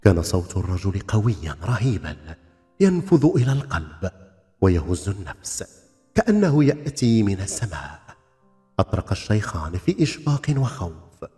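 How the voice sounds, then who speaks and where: A man narrating a scripted folk tale as a storyteller, in a theatrical, expressive, literary manner. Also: lowish voice, moderate pace. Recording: long reverb, music bed.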